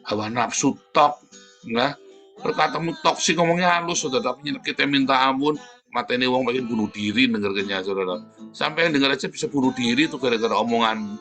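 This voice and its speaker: A man's voice: mid-range voice, a bit bright. A man giving a conversational morning devotional sermon, often turning to his listeners. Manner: conversational, often adds "saudara". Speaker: preacher. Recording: guitar music behind.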